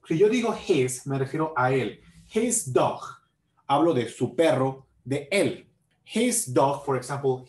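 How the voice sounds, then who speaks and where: Slow-paced teacher in an echoey room. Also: male voice, mid-range voice. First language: Spanish. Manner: switches between English and Spanish, says examples slowly. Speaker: English teacher. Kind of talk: bilingual grammar lesson. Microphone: built-in camera mic.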